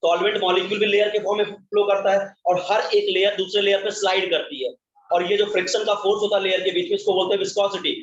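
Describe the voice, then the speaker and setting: A high-voiced man teaching a chemistry class, who keeps asking his students questions and answering them himself. He is heard from a distance in an echoey classroom, and the recording sounds dull and muffled. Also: steady tone, fast talker. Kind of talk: classroom lecture.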